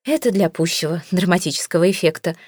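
A woman's voice: on the low side, a little mellow, no room sound, studio quality, natural voice. A woman playing a melodramatic fake fortune teller. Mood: wry. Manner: wailing, slow prophetic chanting. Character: theatrical female fake fortune teller, ex-actress.

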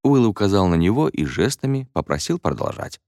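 Male audiobook narrator, playful and expressive, deep voice with lively melody. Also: brisk, creaky, dry recording, studio quality.

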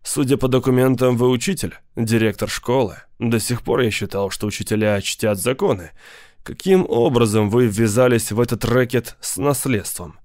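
A man voicing a big, menacing lawyer who speaks slowly and with cool politeness. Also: mid-range voice, a little mellow, no room sound, studio quality, natural voice. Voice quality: slow, measured, coolly polite. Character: big cold male mobster lawyer, menacing, patient.

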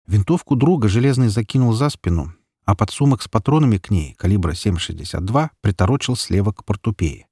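A man reading a dark story as an audiobook narrator in a steady, even telling. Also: lowish voice, brisk, slightly rough, no echo, clean studio sound.

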